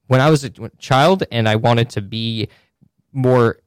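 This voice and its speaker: A man's voice: medium pitch, measured pace, clean tone, no room sound. A man hosting a casual chat, rambling along with many fillers and asides. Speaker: podcast host.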